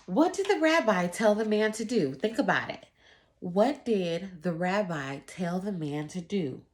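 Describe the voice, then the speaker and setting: In an unhurried, animated tone at medium pitch, a schoolteacher reads aloud to children and talks straight to them. Her lesson delivery is instructive and emphatic.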